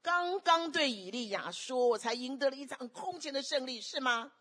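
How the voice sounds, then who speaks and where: A woman preaching a sermon, with a fairly high, husky voice. She is animated and keeps firing questions at the congregation. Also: moderate pace.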